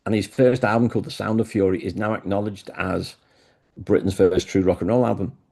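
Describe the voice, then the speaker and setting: A man's voice: on the low side, fairly even intonation, a little fast, creaky, dark tone. A man who is a guest in an interview, telling stories with enthusiasm. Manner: enthusiastic storyteller. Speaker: guest, music historian. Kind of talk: conversational interview.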